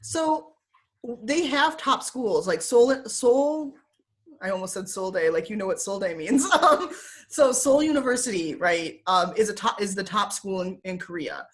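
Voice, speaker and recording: Here the Michigan-accented young woman talks a little slowly, her mid-range voice lively in intonation. As a video-call interview guest she stays casual and chatty, leaning on fillers and laughing easily.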